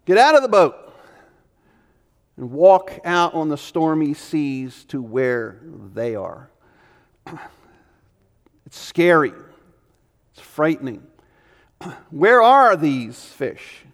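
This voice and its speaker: Gravelly preacher in a reverberant hall. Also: male voice, fairly high pitch, big pitch swings, slow pace, pauses often. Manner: emphatic preaching with sudden loud and hushed turns. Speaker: pastor. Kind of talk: sermon.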